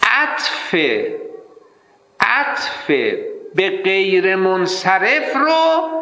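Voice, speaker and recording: Animated high-voiced man teaching in a hall. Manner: animated, emphatic, mimics mistaken readings. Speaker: seminary teacher. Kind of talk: Arabic grammar lesson. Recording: echoey hall, slightly dull sound.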